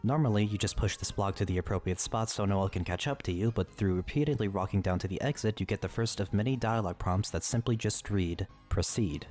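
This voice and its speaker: A man's voice: on the low side, fast talker, few pauses, a little mellow, faint music behind. A man narrating a scripted lore video, with casual asides and swearing.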